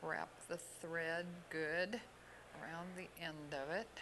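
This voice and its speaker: A woman from Oregon giving an unhurried step-by-step fly tying demonstration at an expo. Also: low voice, steady tone, noisy background. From Oregon, USA. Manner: unhurried, plain instructional talk with pauses. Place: expo hall.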